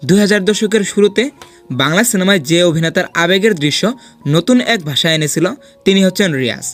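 The host of a film ranking video narrates a ranked countdown as a scripted voice-over, his high-pitched voice rushing briskly. He sounds dramatic and persuasive over soft background music.

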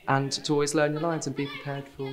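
Young man, flat and even intonation. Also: a little high, quick pace. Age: young adult. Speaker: student performer. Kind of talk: on-camera interview. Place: indoors on a theatre stage set.

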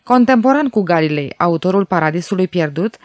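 A woman's voice: on the low side, lively intonation, a little mellow, no room sound, clean studio sound. Woman narrating an audiobook.

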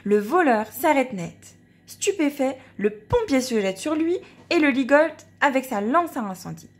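A woman narrating a children's storybook aloud in a playful, expressive read-aloud style. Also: high-pitched, a little slow. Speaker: storybook reader.

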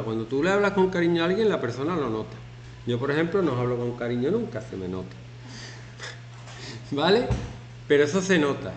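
Chatty teacher in an echoey classroom. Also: male voice, a little high. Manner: chatty, joking, lively, acts out shouting examples. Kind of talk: classroom talk to students. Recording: echoey classroom, faint background noise.

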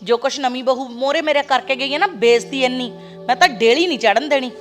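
An actress playing a sharp-tongued village mother who scolds her grown son. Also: high-pitched, fast talker, music in the background, natural voice. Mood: scolding. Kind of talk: Punjabi web series acting.

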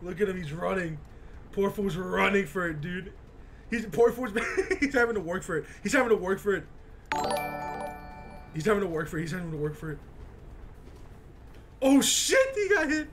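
A live streamer giving excited reaction commentary, yelling, laughing and swearing in bursts. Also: mid-range voice, normal speed, pauses often, soft background music. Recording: steady background noise.

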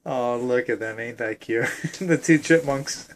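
A man's voice: mid-range voice, a little slow, a little hiss or hum. A man asking mock-reporter questions in a goofy home interview, teasing the others.

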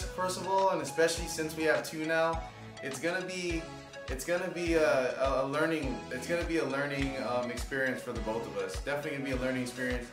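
A young man raised in Los Angeles, chatting casually in a vlog with a relaxed, rambling manner full of fillers. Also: a little high. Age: young adult. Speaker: vlogger, aspiring fitness coach. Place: living room indoors. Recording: roomy and distant with music.

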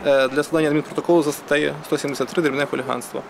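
A man, a police officer, giving a measured formal statement with many hesitations. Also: on the high side, steady tone, gravelly. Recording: outdoor street noise, traffic.

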